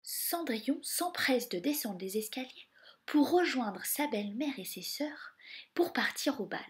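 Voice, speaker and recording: A woman reading an animated storybook aloud for children, narrating in a hushed, whispery way with lively bursts. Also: sits high, measured pace, slightly rough.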